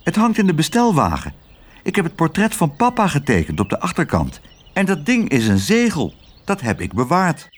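A man's voice: wildly swooping pitch, moderate pace. A man doing a determined little girl. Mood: earnest. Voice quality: high, bright girlish voice. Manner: earnest, determined. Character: brave little girl, daughter.

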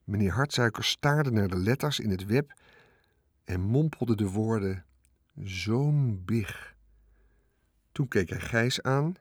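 A man reading a children's storybook aloud in calm, measured narration. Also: fairly low pitch, breathy edge, dry recording, studio quality. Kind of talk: scripted audiobook narration.

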